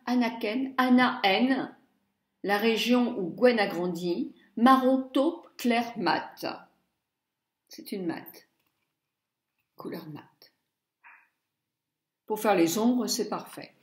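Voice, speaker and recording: A woman's voice: a little high, reverberant. A middle-aged woman chatting through a makeup palette review, muttering asides and stumbling over English names. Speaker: beauty blogger.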